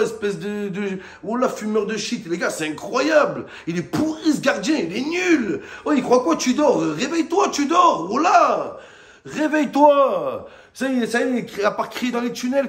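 A man giving a loud, mocking rant of a football match debrief, breaking into sudden shouts. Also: high-pitched, vocal fry, reverberant. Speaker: football fan vlogger. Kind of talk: ranting match debrief to camera.

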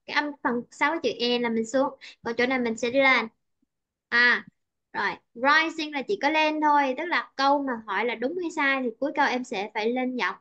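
A woman's voice: on the high side, bright, forceful tone, muffled recording. A Vietnamese woman teaching English pronunciation in an online lesson, patient and checking often that the student follows.

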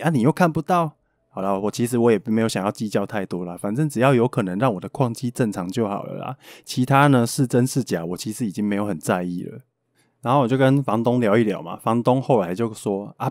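A man's voice: fairly low pitch, a little mellow, no echo, studio quality. A man with a Taiwanese Mandarin accent, hosting a podcast and telling a ghost story in a playful, joking way with mild swearing. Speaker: podcast host. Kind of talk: casual storytelling.

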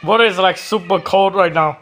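Bright-voiced casual home cameraman, teasing. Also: medium pitch, moderate pace. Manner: teasing, repetitive. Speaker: cameraman and vlog host. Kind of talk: casual home video chat. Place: bedroom at home, indoors. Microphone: phone held by the camera operator. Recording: noisy handheld phone recording.

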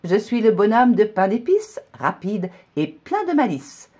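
A woman voicing a cocky, mischievous little gingerbread man in a storybook reading, with a shrill, sing-song taunting chant. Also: very animated, a little slow, mellow.

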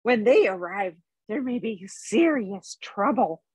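A woman reading a storybook, playing a small, fussy, polite male hobbit, nervous but plucky, with a squeaky voice and chatty, hedging manner. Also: lively intonation, slow pace, a little mellow, husky, no echo. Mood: earnest, persuasive.

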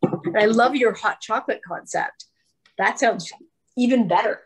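A woman's voice: on the high side, unhurried, soft background music. A woman hosting an online cooking event on a video call, upbeat and encouraging. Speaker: host. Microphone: laptop webcam, video call.

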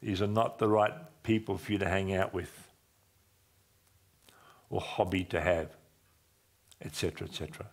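A man in his sixties, a pastor, seated on a dim church stage with a headset mic, telling a personal story in a conversational sermon and often dropping his voice low for emphasis. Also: moderate pace, long pauses. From Australia. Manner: conversational, animated gestures, drops low for emphasis.

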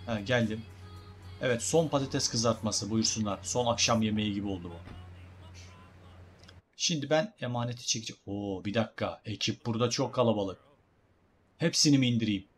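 A man's voice: lowish voice, moderate pace, long pauses, faint music behind. A man giving casual, joking let's-play commentary as a gaming YouTuber, talking to his viewers as guys.

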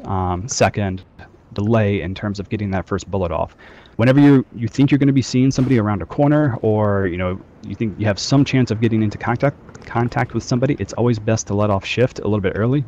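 Over a group voice chat, a squad trainer talks his team through a gaming session in a relaxed way, using lots of filler words. His voice sits on the low side and sounds warm, though the audio is dull and carries slight background noise.

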